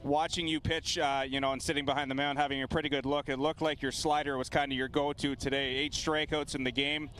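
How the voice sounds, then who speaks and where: A man's voice: fairly high pitch, little pitch movement, fairly quick, hardly any pauses, a bit bright, a little hiss or hum. A man working as a field-level sports reporter, doing a live post-game interview outdoors.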